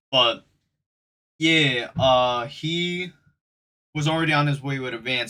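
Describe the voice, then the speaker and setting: A young man telling a casual storytime in an animated, slangy way, acting out the quotes. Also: medium pitch.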